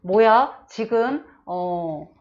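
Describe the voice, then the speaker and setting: A woman's voice: mid-range voice, animated, extremely slow, lo-fi sound. A suspicious, indignant emperor, as a woman teacher plays him. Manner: blunt, indignant questioning. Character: suspicious aging male emperor, quick to doubt.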